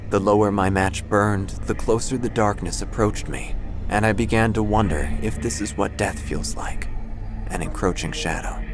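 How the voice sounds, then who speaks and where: A man with a fairly low voice narrates a scripted first-person story as an obituary-writer character, delivering it theatrically and wryly with deliberate dramatic phrasing. He pauses on purpose and sometimes drops into hushed tones. Background music plays behind him throughout.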